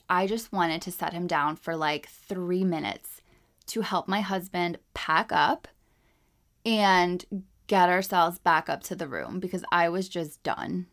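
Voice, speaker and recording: A woman talks straight to her listeners like a friend, chatty and candid, dropping "like" all through her sentences. Her humor is wry and self-deprecating, and she tells the story in a loose, conversational style. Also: fairly low pitch. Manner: chatty, candid, full of "like" fillers. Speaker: podcast host and mom. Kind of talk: casual storytelling monologue.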